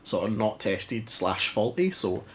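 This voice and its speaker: A Scottish retro game vlogger tests an old console in a dim living room, chatting casually, rambling and poking fun at himself. His stuffy, congested voice is lowish with big pitch swings, and he talks a little slowly.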